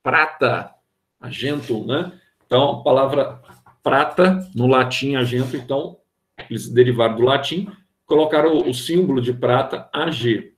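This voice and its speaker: A man's voice: medium pitch, normal speed, roomy sound. A man from Brazil giving a chemistry lesson, asking and answering his own questions and checking in with frequent tag questions. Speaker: chemistry teacher. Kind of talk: classroom lecture.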